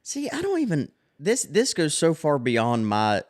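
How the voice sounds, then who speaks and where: Lively-voiced man with quick reactions. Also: a little high. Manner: reactive, quick agreeing asides. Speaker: podcast co-host. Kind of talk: casual panel chat.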